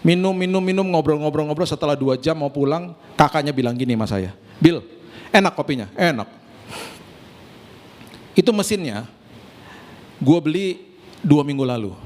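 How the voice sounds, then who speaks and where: Male preacher, storytelling sermon, slightly high voice, lively dialogue. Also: moderate pace, pauses often. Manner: animated storyteller acting out dialogue. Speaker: pastor. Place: church auditorium.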